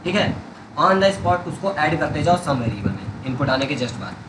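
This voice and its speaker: A man's voice: a little high, very animated, moderate pace, echoey room, background noise. A man teaching programming step by step, checking that his students follow along. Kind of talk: coding tutorial.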